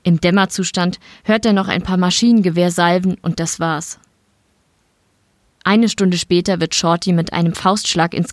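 A woman narrating a short story in an audiobook style, steady and matter-of-fact. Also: fairly low pitch, dry recording, studio quality. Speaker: reader.

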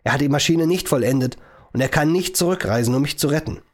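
A man voicing a stern, sharp-tongued old professor. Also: on the high side, fast talker, natural voice. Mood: lecturing. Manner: sharp, lecturing and commanding. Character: stern irritable male professor, time-travel inventor.

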